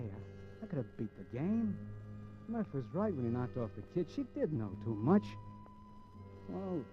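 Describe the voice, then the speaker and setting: A male actor with a natural, medium-pitched voice plays a brooding small-time American gangster telling his story from death row in a 1940s-50s radio crime drama. The talk is slangy and halting, with words said over again. It comes through as a muffled old radio recording with music.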